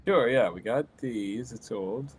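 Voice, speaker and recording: A cartoonist co-hosting a casual livestream chat, easygoing and quick to agree. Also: male voice, mid-range voice, a little hiss or hum. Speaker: cartoonist and co-host.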